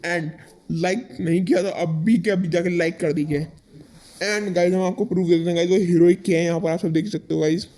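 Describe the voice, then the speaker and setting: A young man giving excitable live commentary over his own game, calling his viewers "guys" again and again. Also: high voice, brisk. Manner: excitable, fills every phrase with "guys". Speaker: gaming YouTuber.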